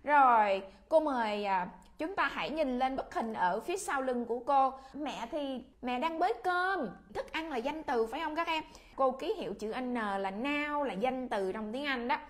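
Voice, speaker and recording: A woman with a Vietnamese accent leads a children's English class, her voice pitched high. She speaks patiently and repeats each word so the children can read along after her. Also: expressive, normal speed. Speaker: English teacher.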